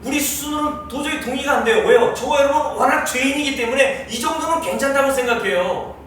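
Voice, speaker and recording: A man preaching a sermon as pastor, lively and teasing his congregation with questions. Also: very high voice, quick pace, slight background noise. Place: large church hall. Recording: very echoey hall, mic far off.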